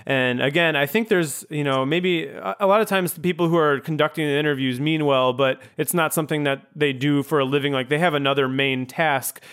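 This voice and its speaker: A man's voice: fairly high pitch, fairly even intonation, brisk, few pauses, fairly bright tone, smooth. A man hosting a podcast, talking casually and rambling with many ums and restarts. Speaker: podcast host. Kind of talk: casual interview chat.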